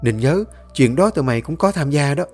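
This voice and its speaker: A man voicing a bossy teenage schoolgirl who leads her friends in a brisk, firm tone. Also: a little high, husky, faint music behind, voice pushed up. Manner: forcing calm, then bossy and brisk.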